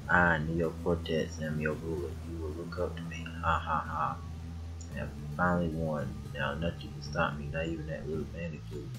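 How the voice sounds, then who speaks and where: A man voicing a scheming, gloating mad scientist villain from a video game in a slow, theatrical, menacing way. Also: extremely low pitch, noisy background. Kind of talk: reading video game dialogue aloud.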